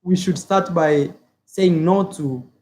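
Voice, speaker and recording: A man's voice: fairly high pitch, slow, darkish tone. A man from Africa giving his opinions in a casual vlog, earnest and repetitive, with many filler words. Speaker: YouTuber. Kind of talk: casual opinion vlog, reading viewer comments.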